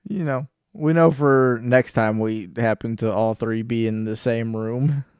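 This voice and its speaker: A calm young man co-hosting a casual chat, speaking in a matter-of-fact way. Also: medium pitch, measured pace, smooth, dry recording, clean studio sound. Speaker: co-host.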